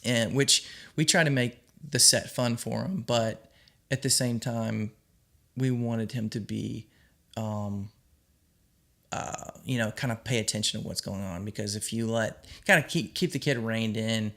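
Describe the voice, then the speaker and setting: A man's voice: fairly low pitch, a little slow, gravelly, a bit bright. A man, a film director, talking casually to his viewers, rambling with frequent ums and restarts as he gives earnest advice. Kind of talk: casual vlog monologue.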